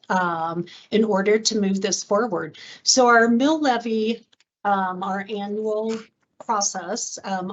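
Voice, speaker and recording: A woman giving a formal slide presentation as a finance official to a board on a video conference. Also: medium pitch. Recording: dull video-call audio.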